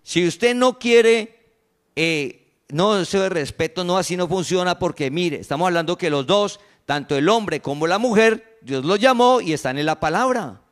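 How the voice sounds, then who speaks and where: A woman's voice: animated, moderate pace. A woman from Colombia with a Santander accent preaching a sermon, emphatic and full of rhetorical questions. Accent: Santander Colombian Spanish. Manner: acts out quoted voices in a lowered tone.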